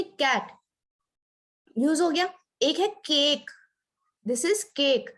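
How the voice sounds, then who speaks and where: Slow, patient high-voiced woman teacher. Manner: slow, patient explaining, repeating letters and sounds. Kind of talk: online English lesson in Hindi.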